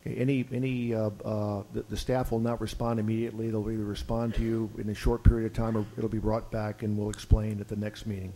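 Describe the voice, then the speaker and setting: A man's voice: lowish voice, level tone, fast talker, few pauses, mellow, low-quality recording. A man chairing a public board meeting, procedural, with a dry sense of humor. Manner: procedural, with dry joking asides.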